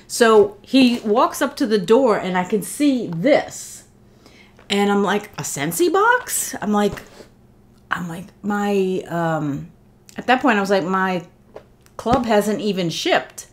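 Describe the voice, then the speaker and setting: A middle-aged vlogger, nose a little stuffed up from a cold, unwraps a gift from her living room seat and gushes heartfelt thanks amid many fillers and restarts. She speaks slowly in a mid-range voice that swings widely in pitch.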